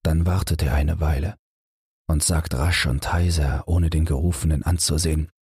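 Deep husky bedtime audiobook narrator, a man. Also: steady tone, no echo, studio quality. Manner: measured, gentle, unhurried storytelling. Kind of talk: calm bedtime audiobook reading.

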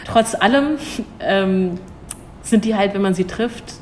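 Taking her time, an embassy cultural attaché answers an interview in a medium-pitched voice, with a little hiss or hum in the recording. She is young and reflective, frequently starting over and laughing readily.

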